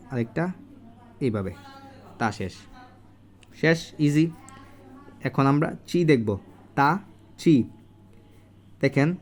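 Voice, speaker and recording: A man giving a casual handwriting lesson at home, recorded on a phone, slowly repeating each syllable as he writes. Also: mid-range voice, a little mellow. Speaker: language teacher. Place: home room.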